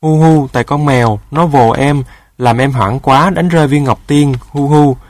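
A man's voice: medium pitch, fairly quick, darkish tone, no room sound, close to an everyday voice. A man voicing a small, sobbing female dove in a storybook tale. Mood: tearful.

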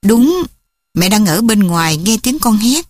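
A woman voicing a gentle middle-aged mother who speaks softly and soothingly to her daughter. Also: mid-range voice, big pitch swings, a little slow, dry recording, clean studio sound. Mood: worried. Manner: soft, soothing.

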